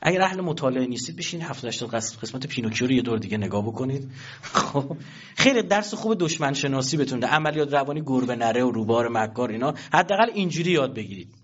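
A man's voice: mid-range voice, animated, husky, muffled recording. A man giving a colloquial political talk to an audience, emphatic and full of rhetorical questions. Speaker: speaker addressing an audience.

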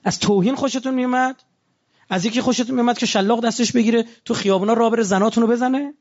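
A man's voice: very high-pitched, fairly even intonation, a little mellow, highs cut off. A man preaching a religious sermon in a conversational way, asking his listeners rhetorical questions.

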